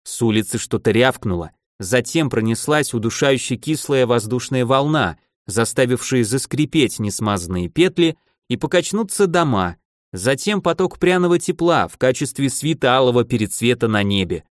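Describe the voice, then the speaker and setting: A man reading a fantasy novel aloud as audiobook narrator, lively and voicing the characters himself. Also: medium pitch, normal speed, no room sound, clean studio sound. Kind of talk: scripted narration.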